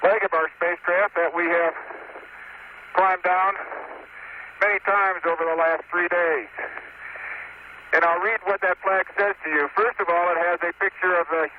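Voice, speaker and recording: A man speaking as an astronaut in a measured, solemn formal address, heard over a crackly space radio transmission. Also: high voice. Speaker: astronaut on the lunar surface. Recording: noisy, muffled radio link.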